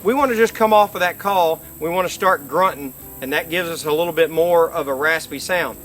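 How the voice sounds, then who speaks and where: A man's voice: on the high side, a little fast, a bit bright, soft background music. A middle-aged man giving an informal, folksy instructional demonstration, explaining step by step. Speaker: duck-calling instructor. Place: outdoors by a lake.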